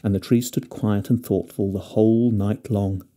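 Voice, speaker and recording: A man narrating a fairy tale with gentle, expressive storytelling. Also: on the low side, moderate pace.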